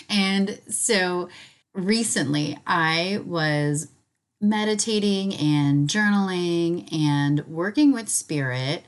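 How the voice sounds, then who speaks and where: With a fairly low pitch and a hoarse, slightly raspy edge, as though still recovering from being sick, this podcast host chats enthusiastically on her casual spiritual show.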